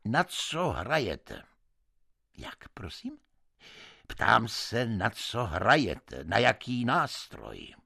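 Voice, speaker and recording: A gruff old king with a harp, as a male reader puts him on, stern and commanding. The voice sits very low with a gravelly, husky edge. It is read as a radio story. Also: huge pitch swings, bright, forceful tone, dry recording, clean studio sound, exaggerated voice.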